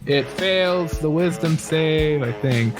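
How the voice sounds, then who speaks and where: A man running a tabletop game as game master, explaining rules in a casual, halting way. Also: a little high, music in the background.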